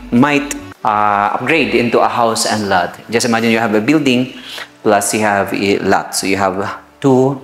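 Narrating a casual tour of an empty new house, this medium-pitched property tour host and real estate seller speaks with a Filipino accent, chatting informally to viewers. He switches between Tagalog and English, calls his audience "guys," and walks through the rooms, which echo around him over background music.

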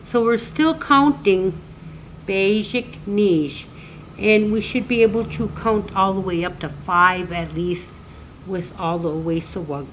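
Slow-speaking older woman teaching words. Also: mid-range voice, fairly bright tone, slight background noise. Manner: patient, repeats words for learners. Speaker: elder teaching language.

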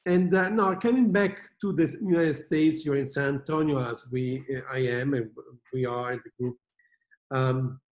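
A man's voice: mid-range voice, a little mellow. A man in his fifties hosting an interview over a video call, asking long, rambling questions full of fillers. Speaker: interviewer host. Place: room with green wall and framed prints. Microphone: video call computer mic. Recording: roomy video call audio.

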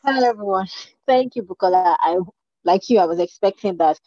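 A woman from Nigeria introducing herself in a quick, relaxed way on a video call. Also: mid-range voice, no echo. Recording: dry, slightly muffled video call audio.

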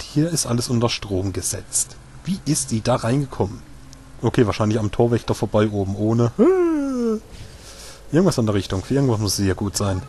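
A man's voice: mid-range voice, a little mellow, a little hiss or hum. A young man giving casual, sarcastic commentary while playing a video game, grumbling at his companion. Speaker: let's player.

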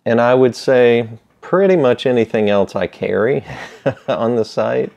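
A man's voice: medium pitch, unhurried, creaky, a little mellow. A middle-aged man in a laid-back, hesitant, rambling casual chat to camera, talking around a pipe held in his mouth. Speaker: pipe tobacco seller. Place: small indoor room with shelves. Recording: slightly dull, lo-fi sound.

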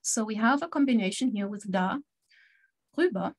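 Female language teacher, fairly high voice, upbeat and praising, mixes German and English. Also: expressive, moderate pace. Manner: encouraging, switches between German and English explanations. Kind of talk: online language lesson with quiz.

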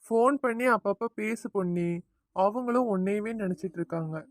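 A woman's voice: medium pitch, moderate pace, no echo, close to an everyday voice. A woman voicing a young husband, tender to his wife and firm with his mother, in a family cartoon. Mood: affectionate. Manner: warning, insistent, affectionate to wife. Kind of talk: cartoon voice acting.

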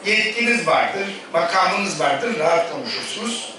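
This formal party-congress speech comes from a middle-aged man with a high, animated, pushed and bright voice. He speaks at a podium mic, addressing the crowd rhetorically and pausing between phrases, while the distant mic picks up the cavernous hall's boom and background noise.

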